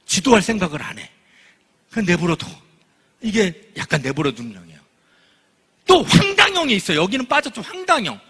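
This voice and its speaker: Man, middle-aged, parenting lecturer, animated storyteller, acts out quotes, husky, long hall reverb. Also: high-pitched. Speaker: professor giving a parenting lecture. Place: church hall.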